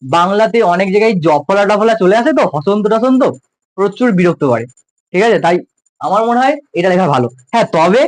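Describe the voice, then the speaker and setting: A man's voice: sits high, dry recording, low-quality recording. A male science teacher with a West Bengal Bengali accent, giving a casual, jokey classroom lecture to school students. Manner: informal, jokey, addresses students as close juniors.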